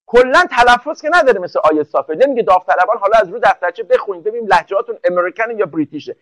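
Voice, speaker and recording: A man's voice: high voice, lively intonation, fairly bright tone, no room sound, rough recording. A man teaching English for an entrance exam in a live online class, joking and speaking directly to students one by one.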